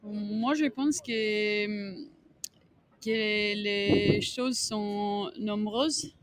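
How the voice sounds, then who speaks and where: Slow, halting woman with a Greek accent. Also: medium pitch, steady tone, background noise. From Greece. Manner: halting, searching for words in non-native French. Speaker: tennis coach and podcast guest. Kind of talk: interview answers.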